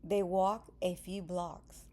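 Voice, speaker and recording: A woman narrating a simple storybook at a very slow, deliberate pace. Her voice sits a little low, and every short sentence gets its own plain, unhurried phrasing. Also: flat delivery, warm tone. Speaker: audiobook narrator.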